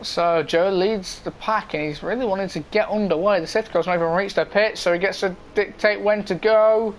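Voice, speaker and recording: High-voiced male motorsport commentator. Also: fairly even intonation, brisk, slight background noise. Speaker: motorsport commentator of an online sim racing league. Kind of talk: live motorsport commentary of a racing game.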